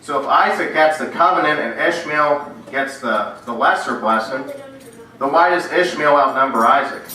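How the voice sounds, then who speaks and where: A man's voice: a little high, normal speed, pushed and bright. A man with a bad cough giving a casual Bible lecture to a small room, reading scripture aloud between plain remarks. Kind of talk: recorded lecture to a small audience. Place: indoor meeting room. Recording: roomy, from a distance, noisy.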